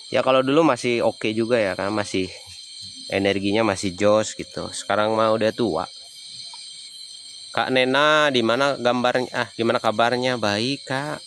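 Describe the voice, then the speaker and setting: A livestreaming explorer from Banyumas, Central Java, chats casually with a Javanese accent while answering viewers' comments. His voice is medium-pitched and a bit bright at normal speed, with a little hiss or hum.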